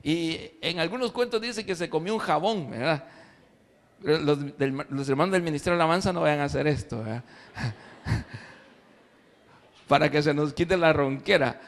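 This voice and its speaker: A man, a pastor telling a story in a playful, animated sermon, recorded in an echoey church hall. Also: a little high, moderate pace, pauses often. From El Salvador.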